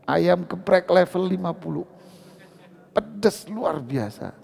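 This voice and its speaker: A man giving a lively, joking sermon at a mosque study session, teasing the congregation questions. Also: high-pitched, slow, creaky, slightly rough. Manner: animated, teasing, asks the audience questions. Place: mosque hall. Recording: reverberant mosque hall.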